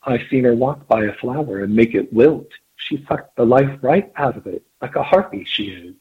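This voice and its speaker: Man reading a gossipy manor cook, husky, phone-line sound. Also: medium pitch, moderate pace.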